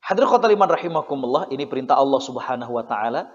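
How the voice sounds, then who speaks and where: A man's voice: mid-range voice, lively intonation, racing. A man from Indonesia giving a chatty, humorous religious lecture, tagging his lines with "ya" and acting out parents and children. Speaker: Islamic preacher. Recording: muffled recording with long hall reverb.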